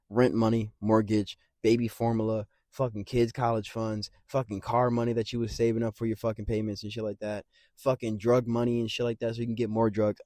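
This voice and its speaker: A man rants casually about upcoming fights, rambling and profane, his loudness leaping and dropping from phrase to phrase. His pitch sits in a middle range. The sound is dry and close, with no room echo. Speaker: MMA commentary channel host. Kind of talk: casual fight-prediction rant.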